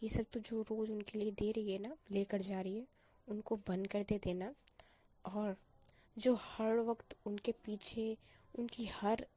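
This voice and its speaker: A woman's voice: medium pitch, fairly even intonation, unhurried, dark tone, lightly acted. A woman voicing a blunt caring best friend. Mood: firm. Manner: firm, coaxing, lecturing. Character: young female college student, a caring blunt best friend. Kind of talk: storyteller voicing a character.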